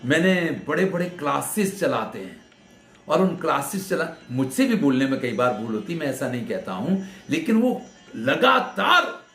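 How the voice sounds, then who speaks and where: Echoey Hindi-speaking grammar teacher. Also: male voice, medium pitch, fairly bright tone. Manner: demonstrates sounds slowly, repeats syllables, asks rhetorical checks. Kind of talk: explanatory lecture. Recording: echoey room with faint music.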